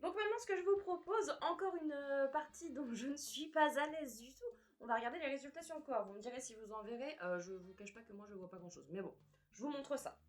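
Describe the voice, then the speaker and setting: A young woman vlogging casually to camera in a room, frank and expressive, swearing now and then. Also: high voice, brisk. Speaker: fitness and weight-loss vlogger. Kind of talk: casual vlog talk to camera.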